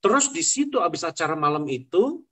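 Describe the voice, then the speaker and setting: Earnest man, higher voice. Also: very animated, a little fast, pushed and bright. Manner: earnest storytelling, mixing in English phrases. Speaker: airline pilot giving testimony. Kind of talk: personal testimony, conversational.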